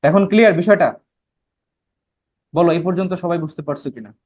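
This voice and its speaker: Bangladeshi male tutor, slightly high voice, lectures patiently, checks if students follow, muffled recording. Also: fast talker, a little mellow. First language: Bengali. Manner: explains step by step, keeps checking students understand. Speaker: admission test English teacher. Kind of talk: online class lecture.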